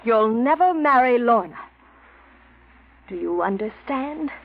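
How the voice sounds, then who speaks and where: A passionate young woman, possessive and scheming, pleading and threatening in a high, swooping, breathy voice. The theatrical delivery of a 1940s radio drama comes through a dull, muffled old broadcast recording. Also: animated, measured pace.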